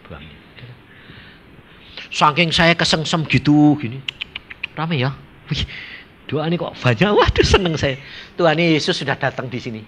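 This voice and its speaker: A male preacher tells his sermon as a dramatic story. His pitch is higher than most men's and leaps around animatedly. His voice is bright, and he swings between loud and hushed. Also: expressive, unhurried, long pauses, slight background noise. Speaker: evangelist preacher.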